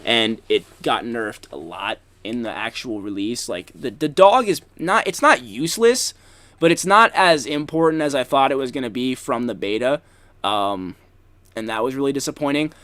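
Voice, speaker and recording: A young gaming YouTuber rambles casually over gameplay, swearing often and filling gaps with "um" and "like," all while he has the hiccups. His voice is medium-pitched, animated and fairly bright at a moderate pace, with no room sound.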